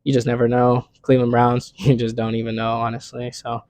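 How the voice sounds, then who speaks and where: A man's voice: mid-range voice, completely flat delivery, brisk, a little mellow, dry recording. A young man hosting a casual sports picks vlog, talking in a laid-back, slangy way full of "you know what I'm saying".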